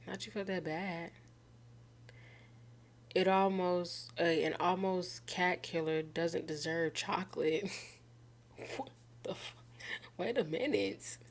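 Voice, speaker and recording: A woman's voice: fairly low pitch, takes it slowly, pauses often. A woman streamer playing a game, reading its text aloud and reacting in a casual, slangy, incredulous way. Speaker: gaming streamer.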